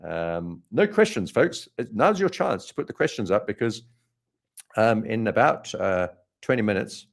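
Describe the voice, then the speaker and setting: A man's voice: on the low side, sing-song, normal speed. A man with a South African accent giving live trading commentary over charts, thinking aloud with frequent ums and self-corrections. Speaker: trader hosting a live market stream.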